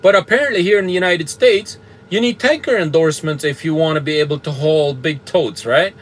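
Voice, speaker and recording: A fairly high-voiced man from Canada, a trucker talking from his truck cab. He chats loosely and bluntly, full of fillers and little chuckles, reading out comments as they come in. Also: brisk. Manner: blunt, straightforward, chuckles often, many fillers. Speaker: trucker streaming a live show. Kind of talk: casual live-stream chat reading comments. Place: truck cab with bunk heater and fan.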